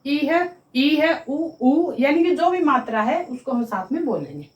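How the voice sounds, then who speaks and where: A woman teaching grammar in a slow, deliberate way. She repeats each sound for pronunciation and checks with her students that they follow. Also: sits high, expressive, roomy sound, poor audio. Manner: addresses viewers as students, checking understanding. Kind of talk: classroom-style explanation at a board.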